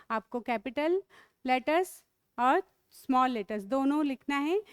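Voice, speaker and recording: A woman teacher leads a children's phonics lesson, drawing out each letter sound with great patience. Her voice sits high, and the recording is dry and close. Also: clean tone, dry recording. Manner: slow, drawn-out sounding of letters, mixing Hindi and English, calling pupils "beta".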